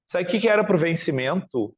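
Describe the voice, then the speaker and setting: A man's voice: high-pitched, expressive, brisk, dull audio. A man from Porto Alegre with a southern Brazilian accent, teaching a classroom lecture and often asking the class questions. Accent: Brazilian Portuguese, Porto Alegre. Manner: questioning, chatty, ends phrases with tag questions.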